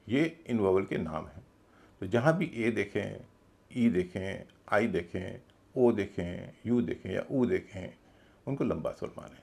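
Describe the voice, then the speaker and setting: A man teaching an English pronunciation lesson, slow and patient, repeating points and spelling words out letter by letter. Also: on the low side, vocal fry, darkish tone. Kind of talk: spoken grammar lesson.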